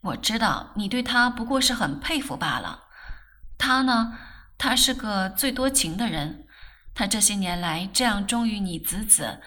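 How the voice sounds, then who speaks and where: A woman reading a novel aloud, voicing a gentle young man who teases softly in a lowered voice. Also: sing-song, a little slow, exaggerated voice. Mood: gentle teasing.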